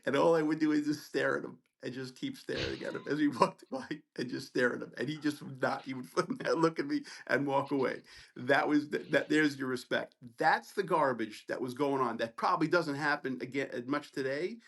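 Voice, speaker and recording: A middle-aged man, a physician hosting a podcast, telling a personal story in an animated, profane, emphatic way. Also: medium pitch, brisk, vocal fry.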